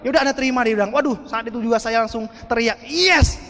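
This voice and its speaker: Motivational speaker, man, very high voice, long hall echo, animated and audience-directed. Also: very fast. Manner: animated, addresses the audience as "Pak" and asks "betul nggak?". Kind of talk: motivational seminar talk.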